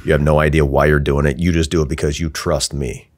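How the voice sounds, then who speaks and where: A man in his thirties speaking earnestly as a guest on a casual podcast, at a boom mic in a small office studio. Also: flat delivery, fast. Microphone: desk podcast mic on boom arm.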